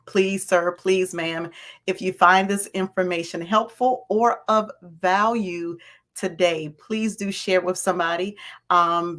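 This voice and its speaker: A woman with a raspy voice hosting a live stream, greeting viewers by name and repeating her points. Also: fairly low pitch, a bit bright. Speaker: host of a livestream on landlord and tenant topics.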